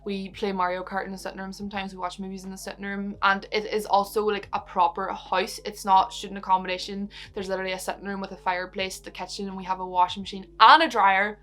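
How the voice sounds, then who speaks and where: A young Irish woman from Donegal with an Irish accent, answering viewer questions in a relaxed home vlog, bubbly and giggly with the odd swear word. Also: medium pitch, fast, hardly any pauses. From Ireland. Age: young adult. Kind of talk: casual chatty Q&A vlog.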